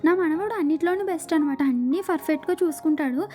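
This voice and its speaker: A woman's voice: extremely high pitch, quick pace, darkish tone. A woman quoting the lines of a teasing elderly grandmother in her own voice while retelling a drama.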